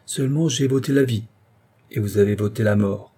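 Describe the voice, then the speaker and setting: A man reading a grave, melancholy gentleman. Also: fairly low pitch, breathy edge. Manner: measured, grave, gently reasoning.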